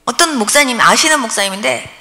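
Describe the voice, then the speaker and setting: Gravelly and slightly high, this sixty-something pastor talks fast as she relates testimonies during a revival sermon in a church meeting hall. Her storytelling is animated, dramatizing the prayers and conversations, with the hall's long reverb trailing behind.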